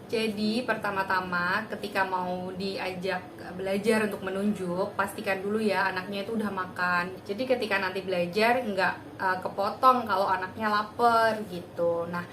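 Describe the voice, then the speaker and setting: A young woman talks in a relaxed, chatty manner, full of small fillers, as she hosts a parenting channel. Her voice sits at a middle pitch. The recording has a noticeable room echo and a faint background hum. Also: moderate pace. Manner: chatty, many fillers, breaks into high sing-song child-directed demos. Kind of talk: casual tutorial talk. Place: home room.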